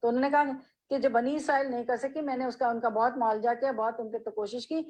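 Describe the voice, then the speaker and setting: A woman teaching a hadith lesson. She reads Arabic phrases slowly, explains them, and asks her listeners questions. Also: a little high, steady tone, darkish tone, low-quality recording. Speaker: religious teacher.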